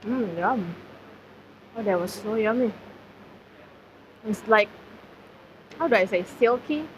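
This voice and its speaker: A woman's voice: a little high, expressive, measured pace. A woman live-streaming while eating at a food centre, chatting casually with her viewers and using lots of fillers. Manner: chatty, filler-heavy, talks to chat. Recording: slightly dull audio, faint background noise.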